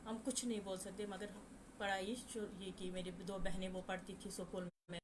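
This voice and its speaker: Kashmiri-born woman guest, halting testimony with restarts, noisy live-stream sound. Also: medium pitch, little pitch movement. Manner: repeats and restarts phrases. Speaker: guest recounting a massacre.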